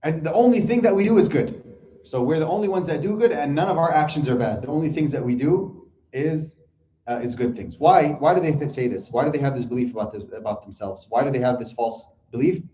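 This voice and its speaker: A man's voice: fairly high pitch, quick pace, dark tone. A man giving a Quran commentary lecture, explaining step by step and repeating points for emphasis. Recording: echoey room.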